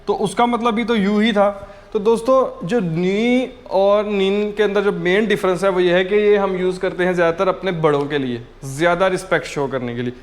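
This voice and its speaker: A man teaching a beginner language lesson, explaining words and repeating each one slowly several times for his students to copy. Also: high-pitched, fairly even intonation.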